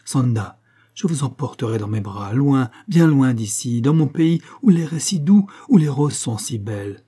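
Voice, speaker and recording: A man's voice: lowish voice, moderate pace, warm tone, slightly rough. A man voicing a passionate, desperate young Frenchman in an audiobook, with impassioned, pleading declamation. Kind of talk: audiobook character voice.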